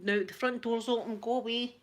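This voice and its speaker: A woman's voice: on the high side, fairly even intonation, fairly quick. Chatty Glaswegian woman on a live stream. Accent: Glaswegian Scottish. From Scotland. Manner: chatty, warm greetings to viewers, frequent laughs and self-interruptions. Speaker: ASMR channel host reading live chat. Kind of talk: casual live-stream chat.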